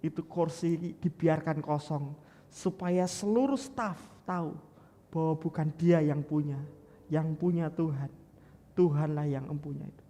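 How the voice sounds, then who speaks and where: A man preaching a sermon as pastor, telling a story with lively acted-out quotes and often addressing the congregation directly. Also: on the high side, a little slow, a little hiss or hum. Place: church sanctuary. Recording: long hall reverb in a church.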